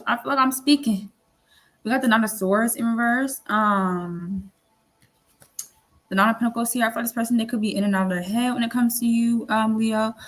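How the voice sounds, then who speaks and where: A woman's voice: on the high side, a bit bright. A woman giving a casual tarot reading, rambling and repeating herself, with lots of fillers and the odd casual swear. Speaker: tarot reader.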